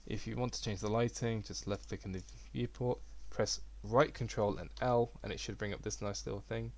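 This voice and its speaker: Low-voiced young man explaining software. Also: moderate pace, vocal fry. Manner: relaxed, rambling, self-deprecating. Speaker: game development tutor. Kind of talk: casual screen-recorded tutorial.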